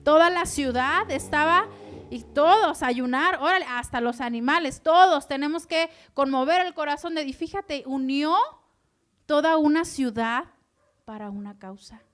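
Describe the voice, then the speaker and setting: High-voiced woman preaching a sermon. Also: measured pace. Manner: animated, asks the audience questions.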